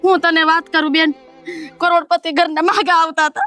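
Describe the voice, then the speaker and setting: A woman's voice: very high-pitched, flat delivery, normal speed, pushed and bright, faint music behind. A woman, gossiping and lamenting in a rustic comedy sketch.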